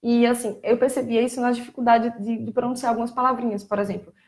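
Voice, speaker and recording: A Brazilian woman who works as a child speech therapist talks casually on a live stream, explaining things plainly and getting animated when she mimics children. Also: on the high side, fast. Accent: Brazilian Portuguese.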